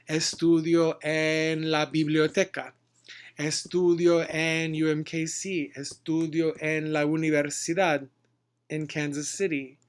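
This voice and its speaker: A man leads a casual language lesson at a very unhurried pace. His slightly raised voice models short phrases one at a time, pausing to explain them in English. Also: on the high side. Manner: slow, deliberate modeling of phrases, switching between Spanish and English. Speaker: Spanish teacher.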